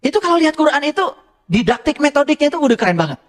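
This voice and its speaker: A man preaching a sermon to an audience, teasing his listeners with joking asides and leaping up in pitch when he quotes scripture. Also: rapid-fire. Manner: animated, jumping high in pitch for quotes. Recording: hall reverb.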